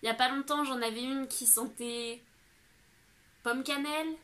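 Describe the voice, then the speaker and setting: A young woman from France answers her viewers' questions in a loose, chatty vlog. Her voice is bright and a little high, and she fills her talk with small hesitations. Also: level tone, fairly quick. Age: young adult. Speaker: vlogger. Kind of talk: casual Q&A vlog.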